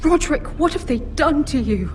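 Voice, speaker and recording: A woman's voice: sits high, expressive, moderate pace, a little hiss or hum. A middle-aged woman playing a pleading, distraught noble mother in a dramatic fantasy video game. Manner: pleading, emotional. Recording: roomy echo, loud music behind.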